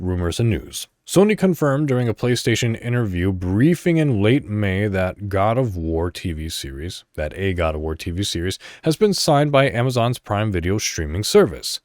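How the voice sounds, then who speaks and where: On his solo podcast, a man with a fairly low, slightly mellow voice chats informally, wanders into side comments, and reads parts of articles aloud. It is recorded at studio quality with no echo.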